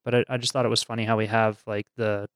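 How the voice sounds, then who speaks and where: A man's voice: lowish voice, level tone, fast, no room sound, clean studio sound. A man co-hosting a casual podcast chat, curious and joking. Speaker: podcast co-host.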